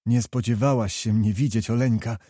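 A man's voice: lowish voice, fairly even intonation, normal speed, mellow, dry recording, clean studio sound, natural voice. A man voicing a fiery young knight who pleads earnestly and passionately. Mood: pleading.

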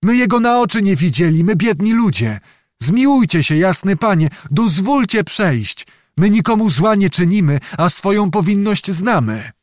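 A man's voice: sits high, sing-song, moderate pace, a little mellow, no echo, clean studio sound, voice pushed up. A man doing a pleading old peasant. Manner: pleading, bowing, rustic speech.

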